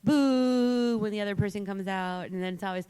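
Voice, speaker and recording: A woman co-hosting a podcast, chiming in with brief replies. She agrees and prompts rather than leading. Her voice sits at an ordinary middle pitch. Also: moderate pace, a crowd in the background. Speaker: podcast co-host. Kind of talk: casual chat.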